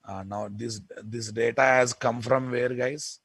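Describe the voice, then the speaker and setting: Telugu indian guy teaching coding, slow and repetitive, stresses points, mid pitch, no echo. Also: steady tone, a bit bright, breathy edge. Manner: repetitive, emphatic, often checks with listeners. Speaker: programming instructor. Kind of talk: informal software lecture.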